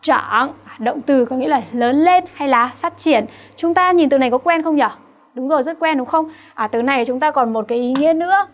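High-voiced Vietnamese woman teaching vocabulary. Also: fairly quick. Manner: patient, asks rhetorical checks to students. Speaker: Chinese teacher. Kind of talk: classroom vocabulary lesson.

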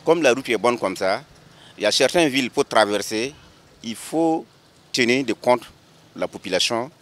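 A man's voice: mid-range voice, expressive, moderate pace, fairly bright tone. Man interviewed outdoors, from afar. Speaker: transport union member. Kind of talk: street interview.

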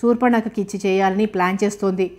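A playful young suitor coaxes and teases as he lays out his plan, voiced by a woman reading a novel aloud. The voice sits at a middle pitch. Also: fairly even intonation, quick pace, warm tone, natural voice. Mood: teasing. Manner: teasing, persuasive.

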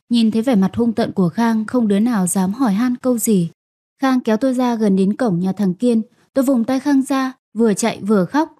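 A woman with a fairly high but dark, mellow voice narrates a first-person family drama story. She acts out each character's lines herself, in a dry, close recording. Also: dry recording. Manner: acts out every character's lines in her own voice. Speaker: audiobook narrator.

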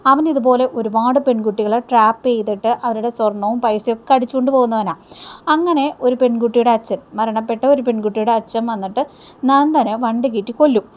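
A woman's voice: on the high side, darkish tone. A woman hosting a serial review, casually retelling upcoming drama episodes in a chatty way with many hesitation fillers.

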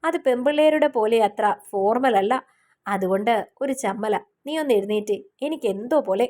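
Brief: shy, reserved young man in an audiobook romance, a woman reading him, soft and low-key, voice a touch high. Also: moderate pace, close to an everyday voice.

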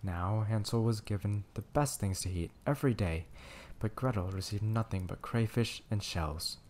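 Soft-voiced man in whispered role-play. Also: fairly low pitch, slight background noise. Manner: soft, slow, soothing reading. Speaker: boyfriend reading a bedtime story.

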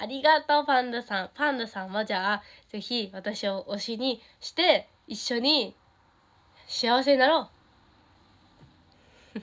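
A woman's voice: a little high, fairly bright tone. A teenage girl with a Kansai accent, chatting casually on a livestream, reading fan comments and giggling often. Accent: Kansai Japanese. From Japan. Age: teens. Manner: bubbly, giggly, easily delighted by comments. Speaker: idol streaming to fans.

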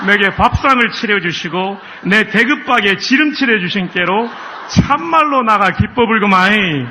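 A man voicing a boisterous, hearty countryman with a Jeolla accent, reciting in a loud, exclamatory, drawn-out rustic way. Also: high voice, a little hiss or hum, voice pushed up, heavily acted. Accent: Jeolla dialect.

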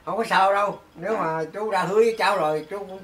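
An older man, speaking in a halting way in a casual chat. He repeats himself and mixes in broken English. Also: high-pitched, a crowd in the background.

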